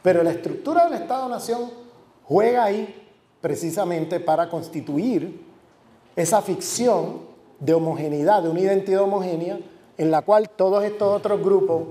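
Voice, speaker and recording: In an echoey lecture hall, a professor lectures with emphasis, using repetition and word lists for stress. His voice is high-pitched and mellow.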